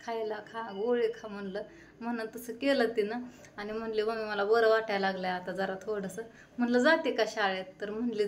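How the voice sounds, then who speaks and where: A woman's voice: a little high, a little hiss or hum. Chatty mother telling her morning. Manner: chatty storytelling, quoting herself and her children. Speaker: vlogger and mother. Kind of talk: casual home vlog narration. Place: home.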